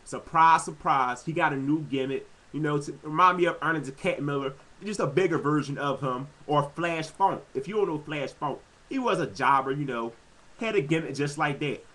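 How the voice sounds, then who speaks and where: An animated man talks through his take on a wrestling episode in a casual, off-the-cuff vlog. His voice sits a little on the high side for a man, and he keeps breaking into excited exclamations. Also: brisk, rough recording. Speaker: wrestling fan vlogger. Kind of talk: casual commentary.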